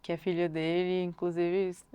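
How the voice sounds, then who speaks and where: A young singer-songwriter from Brasília, Brazil, answers interview questions reflectively in a Brazilian accent, speaking slowly and often hedging with filler words as she thinks. Her low voice is smooth and clean, with little pitch movement. The lo-fi recording is dry and close, with no room sound at all.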